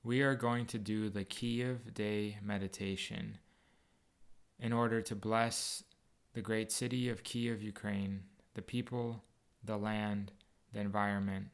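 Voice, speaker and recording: Slow, low-voiced man guiding meditation. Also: little pitch movement, creaky, clear, resonant tone. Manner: soothing, unhurried, with long pauses between short phrases. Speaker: guided meditation leader. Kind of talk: guided meditation.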